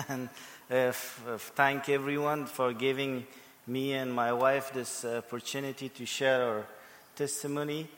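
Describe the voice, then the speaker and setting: A man's voice: mid-range voice, slight background noise. Man, testimony, hesitant, fillers, church reverb. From Afghanistan. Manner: hesitant, many uh fillers, soft laughs. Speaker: guest sharing testimony. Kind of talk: spoken testimony.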